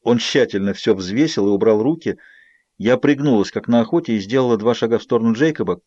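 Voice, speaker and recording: A man narrating an audiobook in an expressive, measured first-person reading. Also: medium pitch, no echo, lo-fi sound. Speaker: audiobook reader.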